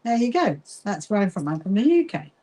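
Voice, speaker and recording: A woman with a mid-range, dark-toned voice talks briskly in a sing-song way while sewing on a livestream. As host for a quilting association, she's chatty, greeting viewers and answering comments, and her accent is a Kentish-Sussex mix from England's south coast.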